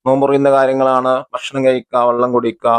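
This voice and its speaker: A man's voice: mid-range voice, flat delivery, quick pace, smooth. A man teaching a religious school lesson. He reads the textbook aloud, then explains it, asks questions and answers them himself, and glosses key terms.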